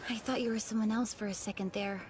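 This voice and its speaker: A woman's voice: mid-range voice, fairly even intonation, fast talker, noisy background, lightly acted. A woman playing a vain, prickly but secretly kind teenage girl in an anime dub, with a self-assured, brusque manner. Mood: soft scolding.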